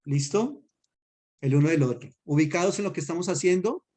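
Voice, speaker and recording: Patient pastor teaching a class. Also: male voice, a little high, lively intonation, dark tone. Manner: patient, explains slowly with spoken examples and checks understanding. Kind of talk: teaching a class on Hebrew accents.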